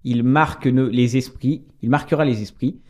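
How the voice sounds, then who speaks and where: A man's voice: mid-range voice, moderate pace, darkish tone. A man hosting a casual podcast quiz among friends, reading clues aloud with playful asides. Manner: reads clues in a teasing, playful way with frequent laughs and asides. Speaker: podcast host running a music quiz.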